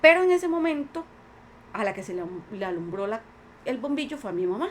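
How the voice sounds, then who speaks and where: Earnest Costa Rican woman, a little high-voiced, telling her own story on a podcast, faint background hiss. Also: expressive, fairly quick. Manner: earnest, many quoted voices. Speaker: podcast guest. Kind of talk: personal testimony in conversation.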